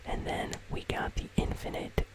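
The host of a gaming news channel whispers casual, conversational ASMR commentary on a video game at a moderate pace. The whisper is breathy and unvoiced, and they stay close to the microphone.

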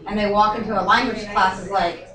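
A woman's voice: mid-range voice, steady tone, a little fast. A woman in her forties, a Spanish teacher chatting casually and encouraging a student to practice. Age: 40s. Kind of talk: casual chat. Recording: echoey room, mic far off, crowd chatter.

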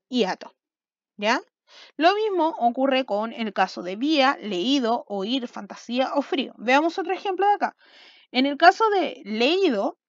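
A high-pitched woman teaching, patient and explanatory, pausing often to check that students follow. Her voice is close and dry, with a slightly dull, lo-fi sound. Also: no echo. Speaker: school language teacher. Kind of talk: recorded video lesson.

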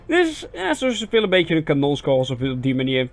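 A young Dutch man giving casual, self-mocking commentary on a strategy game, chatty with sudden excited yelps. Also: mid-range voice, fast. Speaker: gaming video host. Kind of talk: casual let's-play commentary. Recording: faint game music behind voice.

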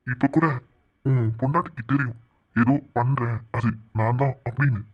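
A man voicing a gloating male villain in a cartoon, taunting his rival with slow, sneering threats. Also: mid-range voice, fairly even intonation, lightly acted. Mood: menacing. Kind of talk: cartoon voice acting. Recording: dull lo-fi recording.

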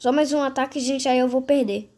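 Female gaming host, notably high-pitched, casual play-by-play aimed straight at viewers, repetitive phrasing. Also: a little fast, a little mellow. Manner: repetitive, addresses viewers directly. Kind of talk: casual game commentary.

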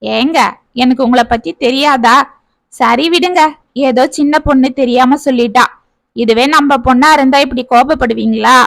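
A woman voicing a caring older grandmother who calmly reasons with her husband. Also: sits high, normal speed, creaky, no room sound. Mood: gentle. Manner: soothing, reasoning gently.

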